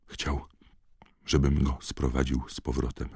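A man reading as a shaken teenage boy in an audiobook, mumbling low and hoarse, on a very deep, husky voice with a dry, close sound. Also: level tone, measured pace, darkish tone, no room sound, heavily acted. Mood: dazed.

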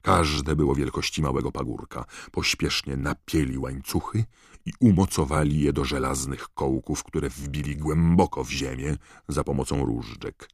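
Deep male audiobook narrator, dramatic and varied delivery, close and dry. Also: moderate pace, no echo. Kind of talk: scripted narration.

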